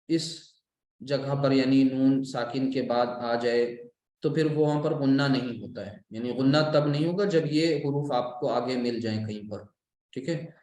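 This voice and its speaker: Teaching Quran recitation, a male Islamic course lecturer speaks in a mid-range, somewhat mellow voice with reverberation. He patiently walks through the material, returning to key terms again and again.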